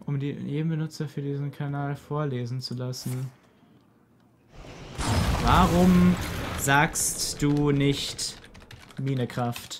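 A man's voice: medium pitch, fairly even intonation, slow, pauses often, slight background noise. A young man chatting casually with a friend as he plays a game, in a blunt, slangy way. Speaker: let's play gamer. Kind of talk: casual gameplay chat with a friend. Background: game music.

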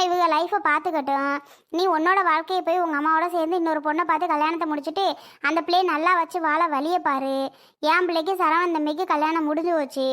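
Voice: very high-pitched, pushed and bright. A performer voicing an older village mother in a Tamil cartoon drama, begging a man to leave her daughter alone and repeating her pleas.

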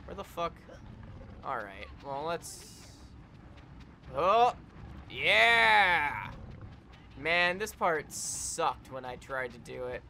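Excitable young man yelling at a game. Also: mid-range voice, slow, slight background noise. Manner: excitable, swears a lot, yells at the game. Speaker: let's play gamer. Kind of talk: casual gameplay commentary.

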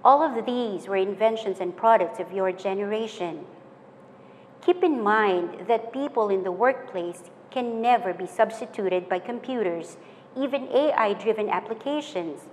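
A young woman giving a formal graduation speech in a measured, earnest way, working through lists item by item. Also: mid-range voice, a little mellow. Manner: measured, earnest, list-like delivery. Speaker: commencement speaker. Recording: hall reverb with faint noise.

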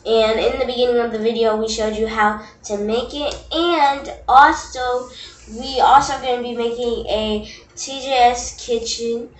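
A chatty woman hosts a family vlog at home, rambling along with plenty of fillers and trailing thoughts. Her voice sits a little high and lands from a few feet away, with a roomy echo and a faint hiss behind it. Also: fairly even intonation, unhurried. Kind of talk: casual chat to camera. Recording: echoey room, distant from mic.

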